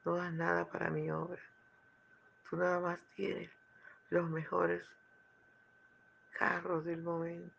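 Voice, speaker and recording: A man voicing the Lord, rebuking a rich man in a soft, hushed way. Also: fairly high pitch, completely flat delivery, slow pace, creaky, long pauses, muffled recording, slight background noise, full character voice. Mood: gently rebuking. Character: the Lord, calm male divine voice gently rebuking.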